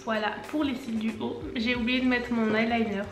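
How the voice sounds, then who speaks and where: A woman's voice: fairly high pitch, fairly even intonation, normal speed. Chatty young woman in an echoey room. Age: 20s. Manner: rambling, self-correcting asides. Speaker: beauty vlogger. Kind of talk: chatty makeup tutorial vlog. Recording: echoey room, faint background music.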